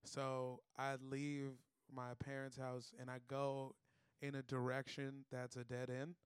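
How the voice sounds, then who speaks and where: A man's voice: medium pitch, completely flat delivery, measured pace, smooth, no echo. A man, a comedian guest, telling casual comic stories in a loose, profane way and acting out the voices he quotes.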